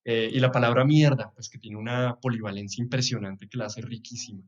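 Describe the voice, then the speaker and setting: A young man from Bogotá, speaking with a Bogotá Colombian Spanish accent, chats reflectively as a podcast guest, chuckling often and trailing off into soft asides. His medium-pitched voice is fairly even and brisk, and the sound is lo-fi.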